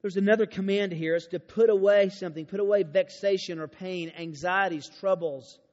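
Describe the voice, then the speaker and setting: Man preaching to a youth camp, fairly high voice, lively and emphatic, dull recording with long reverb. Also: a little fast. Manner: animated storytelling preacher, swings from hushed to emphatic. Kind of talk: sermon. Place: large church auditorium.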